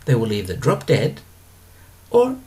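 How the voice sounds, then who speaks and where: The monologue comes from a man acting as a spiritual teacher who responds to questions. His voice is mid-range, and his explanations unfold slowly and calmly, broken by drawn-out pauses.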